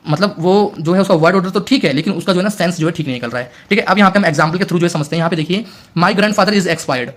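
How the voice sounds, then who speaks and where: Male tutor with a high voice, exam-prep class, repeats himself, keeps checking students follow. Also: fast talker. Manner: repetitive, constantly checking in with students; explains in mixed Hindi and English. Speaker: teacher.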